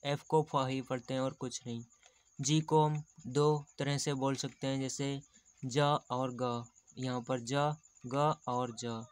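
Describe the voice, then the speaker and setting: A man's voice: medium pitch, flat delivery, slow pace, darkish tone, clean tone, no room sound. A man teaching English pronunciation, explaining patiently and repeating example words.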